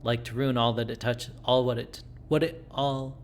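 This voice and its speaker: A man voicing a dying, devout old friend in a game, blunt, folksy and halting. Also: medium pitch, fairly even intonation, close to an everyday voice. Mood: grave warning.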